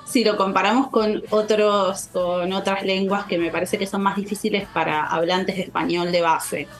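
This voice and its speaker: Argentine woman guest, mid pitch, relaxed and chatty. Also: moderate pace. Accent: Argentine Spanish. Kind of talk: casual chat on a call.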